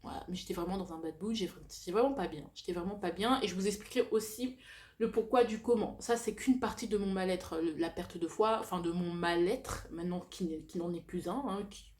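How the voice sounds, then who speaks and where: A young woman vlogger with a lisp and slushy s sounds, chatting casually and confessionally to viewers, halting and correcting herself, dropping in slang and bits of English. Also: lowish voice, darkish tone, a little hiss or hum.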